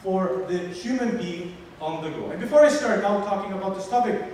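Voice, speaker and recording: A man in his forties from Sicily with an Italian accent, giving a lively, interactive conference keynote and polling the audience. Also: sits high, brisk. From Sicily, Italy. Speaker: keynote speaker. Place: large hall with an audience. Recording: echoey hall, distant mic, faint noise.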